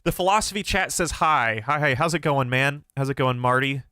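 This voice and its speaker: Bright and forceful, with a clear, resonant tone, this young man's mid-range voice carries a somewhat nasal quality at normal speed. He hosts a philosophy livestream, fielding chat questions in a relaxed, reflective way full of fillers and restarts. The recording is dry and studio-clean.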